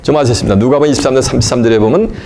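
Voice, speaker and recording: A man preaching a sermon. He keeps asking his listeners questions and answers them himself, and he moves between loud emphatic lines and low asides. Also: rapid-fire, slight background noise. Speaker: pastor.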